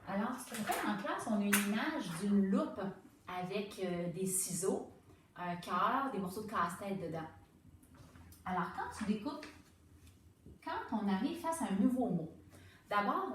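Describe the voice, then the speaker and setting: A woman's voice: medium pitch, sing-song, unhurried, recorded from a distance, slight background noise. A woman with a Quebec French accent teaching young children to read, patiently sounding out words. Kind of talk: reading lesson for young children. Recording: very echoey room, away from the mic.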